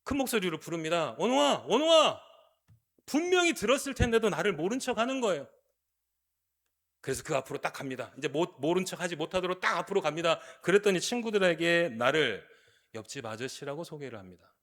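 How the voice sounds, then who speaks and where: A male pastor preaches a sermon in a high, bright voice. He tells stories quietly, then lifts his voice into loud, emphatic appeals. He is recorded in a church sanctuary. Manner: swings between hushed storytelling and loud, emphatic appeals.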